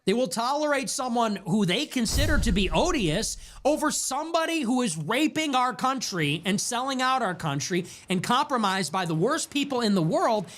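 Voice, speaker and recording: A young adult man hosting his own show, delivering an impassioned rant packed with rapid rhetorical questions and repetition. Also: very high-pitched, fairly bright tone. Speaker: show host. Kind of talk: impassioned ranting monologue. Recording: noisy background.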